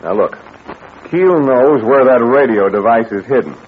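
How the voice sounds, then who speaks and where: A man's voice: medium pitch, animated, close to an everyday voice. An American man playing a tough, cocky, wisecracking adventurer who takes charge in an old radio show serial. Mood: menacing, firm. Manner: brisk, wry, taking charge. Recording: tinny, noisy old radio recording.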